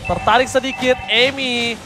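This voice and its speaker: Male esports shoutcaster, very high voice, fighting game announcer delivery with stretched dramatic calls, over prominent music. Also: fairly even intonation. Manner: dramatic drawn-out calls, rhetorical questions. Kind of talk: fighting game announcer style live match commentary.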